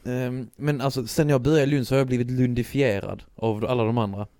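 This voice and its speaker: A man's voice: mid-range voice, fairly even intonation, warm tone, no echo, studio quality. A young man from Skåne with a Skåne accent, co-hosting a podcast in joking, chatty casual talk. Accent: Skåne Swedish. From Skåne, Sweden. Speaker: podcast co-host. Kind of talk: casual chat.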